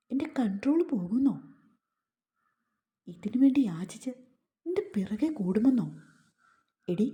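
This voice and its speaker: A woman's voice: fairly high pitch, warm tone. A woman voicing a cruel, resentful young husband who speaks in a harsh, taunting, menacing way.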